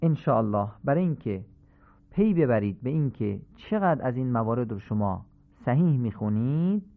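A middle-aged man teaching correct Quran recitation on a radio lesson, explaining calmly and reciting phrases slowly to demonstrate. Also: mid-range voice, gravelly. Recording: tinny phone-like old radio recording.

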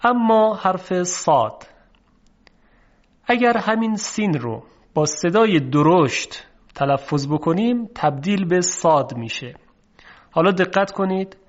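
Persian guy teaching quran letter sounds, kinda high voice, slow and careful, dull lo-fi audio. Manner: slow, measured explanation with drawn-out example words. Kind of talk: recorded lesson on Arabic letter pronunciation. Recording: dull lo-fi recording.

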